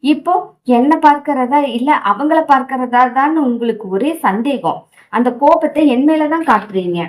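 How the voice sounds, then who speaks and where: A woman voicing a young wife who pleads tearfully and defiantly, in a raised, higher voice. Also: expressive, moderate pace. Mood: tearful pleading.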